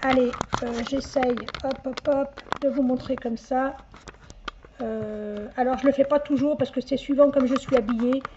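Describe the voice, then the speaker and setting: Une femme d'âge mûr, médium, qui bavarde et digresse avec autodérision en tirant les cartes chez elle. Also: female voice, sits high, fairly even intonation, moderate pace, warm tone, a little hiss or hum. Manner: chatty, rambling, self-mocking asides. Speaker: psychic medium doing a card reading. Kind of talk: casual chatty live reading. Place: at home, indoors. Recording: dull lo-fi home recording.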